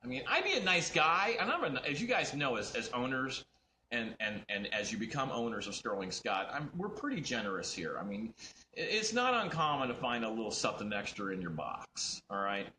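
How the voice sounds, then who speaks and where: A man's voice: mid-range voice, very animated, a little fast, bright, forceful tone, a little hiss or hum. A man, a fashion designer, chatting casually on a livestream, rambling and swearing as he tells stories. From United States. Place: indoors at his design studio. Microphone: phone camera. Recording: roomy echo.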